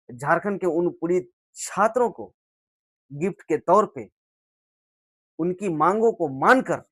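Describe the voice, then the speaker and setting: A man giving impassioned political commentary, speaking rhetorically and swinging between loud emphatic bursts and low, quiet lines. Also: no room sound. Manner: rhetorical, swells and drops in loudness for emphasis.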